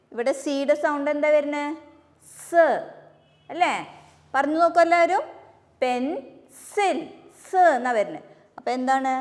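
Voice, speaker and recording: A woman with a Malayali English accent teaching phonics to young children, slowly spelling words letter by letter and quizzing the class. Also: sits high, in a large hall. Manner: slow, patient, spells out words letter by letter and asks questions. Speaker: kindergarten teacher.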